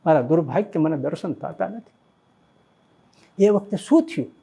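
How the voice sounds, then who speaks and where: A man, a swami, giving a devotional sermon that he tells as a story, with animated and emotional exclamations. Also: a little high, unhurried, vocal fry, breathy edge. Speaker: swami preaching.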